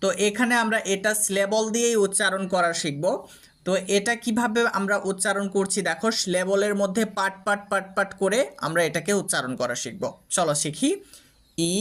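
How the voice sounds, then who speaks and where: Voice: mid-range voice, fairly bright tone. A teacher giving an online English reading lesson for students, talking to them directly, sounding out long words syllable by syllable and repeating them patiently. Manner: addresses students directly with instructions.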